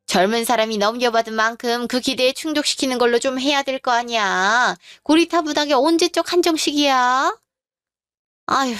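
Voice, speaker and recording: A woman's voice: fairly high pitch, a bit bright, no echo, studio quality, lightly acted. A woman voicing a condescending older mother-in-law who scolds her daughter-in-law.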